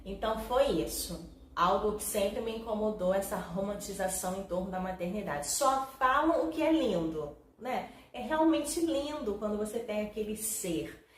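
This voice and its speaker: A woman's voice: mid-range voice, expressive, normal speed. A woman in her thirties from Brazil, telling her own story to camera in a chatty, emotional way and often turning to her viewers. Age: 30s. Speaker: vlogger. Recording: echoey room.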